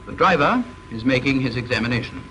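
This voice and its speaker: Formal, scripted training-film narration comes from a British man whose manner is measured, instructive and stern. His mid-range voice has lively intonation and a pushed, bright quality, heard over a vintage soundtrack with faint hiss.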